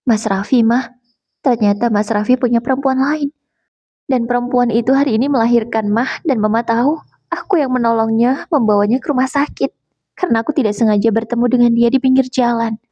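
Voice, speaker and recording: A woman's voice: fairly high pitch, brisk, warm tone, no echo, lo-fi sound, close to an everyday voice. A woman voicing a heartbroken young wife whose voice trembles near tears. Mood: hurt.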